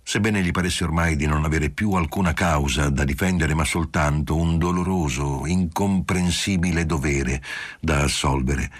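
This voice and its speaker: A man giving steady, measured literary audiobook narration. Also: very deep voice, breathy edge, dry recording.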